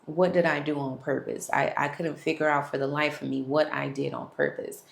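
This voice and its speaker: A woman's voice: sits low, little pitch movement, normal speed, creaky. A young woman frankly telling her personal testimony straight to viewers. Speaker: vlogger sharing a testimony. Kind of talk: candid personal storytelling to camera. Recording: echoey room.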